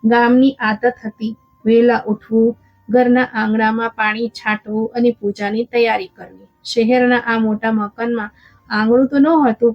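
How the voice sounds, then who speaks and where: A woman storyteller reading a scripted moral story in a calm, even way. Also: fairly high pitch, no room sound. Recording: dull lo-fi with faint music.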